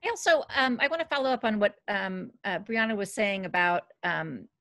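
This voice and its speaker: A woman's voice: mid-range voice, lively intonation, normal speed, pushed and bright, no echo. A woman speaking as a law professor, answering students informally and hesitantly, often breaking off between phrases.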